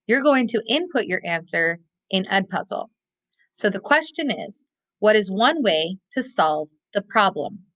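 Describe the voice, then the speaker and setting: Bright, clear woman teaching a lesson. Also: mid-range voice, big pitch swings, no echo, poor audio. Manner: models thinking aloud, slows to stress keywords. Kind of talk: recorded classroom lesson.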